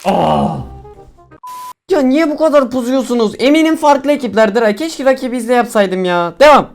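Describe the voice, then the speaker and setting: A young man casually commentating his own mobile shooter gameplay, chatty and excitable, talking to viewers and teammates. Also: very high-pitched, normal speed, gravelly, soft background music. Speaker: gaming streamer.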